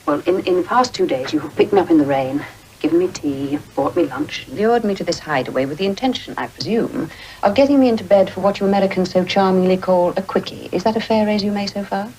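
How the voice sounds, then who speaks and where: A woman's voice: a little high, big pitch swings, normal speed, hardly any pauses, fairly bright tone, a little hiss or hum, poor audio. An actress with an English accent playing a witty, indignant woman who lectures an American man. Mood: arch. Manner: arch, sardonic, clipped.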